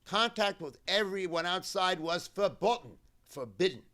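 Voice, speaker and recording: Cantor giving a memorial keynote, slightly high voice, slow deliberate phrasing, first-person story. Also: male voice, lively intonation, bright, forceful tone. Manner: measured, deliberate delivery in short phrases.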